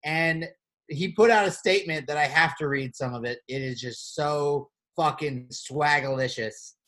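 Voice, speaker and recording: A fairly high-voiced man co-hosting a casual podcast. He is playful and loose, full of fillers and the odd swear word, and hams it up when he reads out gossip. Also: normal speed. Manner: playful, animated reading of gossip. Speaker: podcast co-host. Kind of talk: casual chat.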